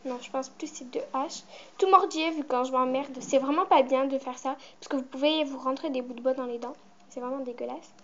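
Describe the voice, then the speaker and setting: Teen girl vlogger, high-pitched and rambling, muffled home recording. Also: a little hiss or hum. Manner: chatty, rambling, with many fillers. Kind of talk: casual show-and-tell vlog.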